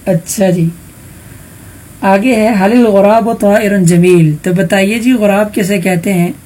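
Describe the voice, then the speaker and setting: Male teacher running an online arabic lesson, husky mellow voice, patient, calls on students by number. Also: sits high, steady tone.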